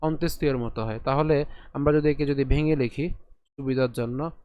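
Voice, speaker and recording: A man teaching how to pronounce verses, who asks his own questions, answers them, and chants lines slowly, syllable by syllable. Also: mid-range voice, steady tone, highs cut off. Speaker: teacher of Sanskrit verse pronunciation. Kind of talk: recitation lesson.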